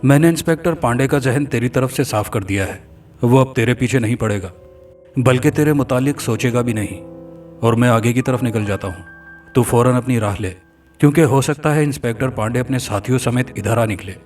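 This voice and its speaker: A man plays a defiant young man with eerie power who speaks steadily and gives orders in a told horror story. The voice is at a middle pitch and a little distant. Faint music plays behind it. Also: fairly quick, darkish tone, close to an everyday voice. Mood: calm.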